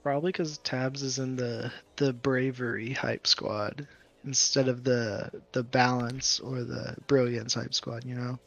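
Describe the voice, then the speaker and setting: A man's voice: mid-range voice, flat delivery, measured pace, gravelly, a bit bright, lo-fi sound. A man chatting casually over a voice call, teasing and opinionated.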